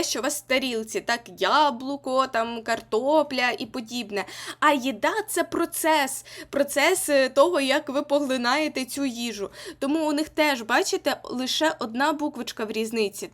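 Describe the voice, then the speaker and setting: Young female teacher with a Ukrainian accent, high voice, patient and repetitive, exam-prep lesson. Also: normal speed, fairly bright tone. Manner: explains patiently, repeats key points, asks "так?".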